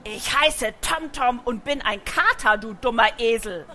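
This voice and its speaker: A woman voices a spiky, sneering tomcat in a storybook reading, hissing at newcomers with plain contempt. The voice sits a touch high and comes across bright and sharp. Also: unhurried. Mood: scornful. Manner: hissing, scornful. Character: snarling rude tomcat, spiky and hostile.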